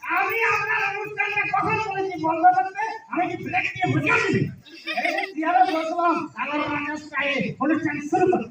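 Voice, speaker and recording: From far off in a very echoey space comes a stubborn, cheeky town drunk, acted by a man. The voice sits extremely high and rambles drunkenly, clowning through a stage comedy. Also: fairly even intonation, brisk, a loud crowd. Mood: indignant. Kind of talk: live stage comedy skit. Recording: distant, heavily echoing stage sound.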